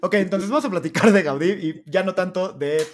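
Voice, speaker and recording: A young man co-hosting a podcast, joking and rambling, often trailing off and restarting. His voice sits fairly high for a man. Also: fairly quick. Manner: playful, rambling, hesitant. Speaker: podcast co-host. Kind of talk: casual chat.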